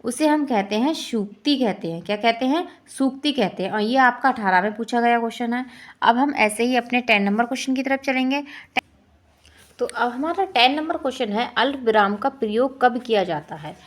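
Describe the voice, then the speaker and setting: Fairly high-voiced woman teaching Hindi exam prep. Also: normal speed. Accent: Hindi-belt Indian. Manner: repeats each answer as a quiz question.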